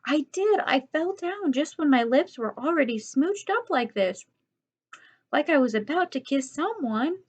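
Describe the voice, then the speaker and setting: A woman's voice: high voice, expressive, unhurried, voice pushed up. A woman voicing a cheerful, clumsy little schoolboy who talks in a silly, eager way, from a slightly dull audiobook recording. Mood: goofy.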